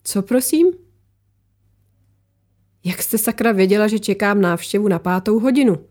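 A guarded war photographer snaps and pushes back, as a woman reads her lines. Her voice stays mellow and dark even when she bristles, sharp and defensive in manner. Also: medium pitch, close to an everyday voice. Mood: agitated. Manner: defensive, snapping, agitated.

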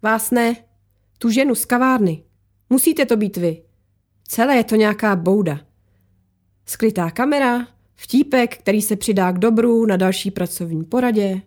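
A guarded war photographer snaps and pushes back, as a woman reads her lines. Her voice stays mellow and dark even when she bristles, sharp and defensive in manner. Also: mid-range voice, close to an everyday voice. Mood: defiant. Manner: defensive, snapping, agitated.

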